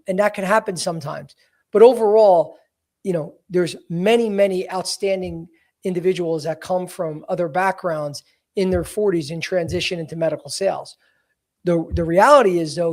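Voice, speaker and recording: A man in his forties with a notably high voice, hosting a casual career-advice podcast. He talks bluntly and emphatically and keeps it real, with frequent "you know" fillers. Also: normal speed, a little mellow. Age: 40s. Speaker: podcast host, career coach.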